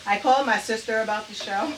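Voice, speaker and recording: A woman's voice: fairly high pitch, a little fast, noisy background. A woman hosting a live cooking demonstration from her kitchen, chatty and upbeat and often laughing. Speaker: cooking show host. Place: home kitchen. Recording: distant mic with loud sizzling pan.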